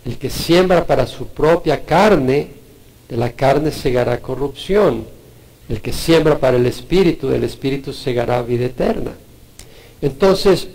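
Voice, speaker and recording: A man with a gravelly, creaky edge to his voice delivers a sermon. He teaches with earnest emphasis, reading scripture aloud and driving each point home. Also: on the high side, darkish tone, poor audio. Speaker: preacher.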